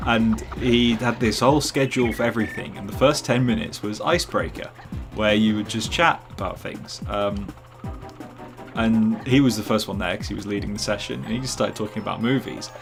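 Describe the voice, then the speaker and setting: A man streams a game live and drifts into rambling, joking chat with his viewers. His voice sits low with a gravelly rasp, and faint music plays behind him. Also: moderate pace. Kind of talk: casual live gameplay commentary.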